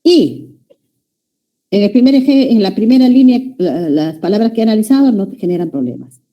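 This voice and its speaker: A woman's voice: medium pitch, animated, moderate pace, muffled recording. A woman teaching a language class, lecturing students and often checking that they follow. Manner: addresses students as "jóvenes", checks understanding with "¿ya?".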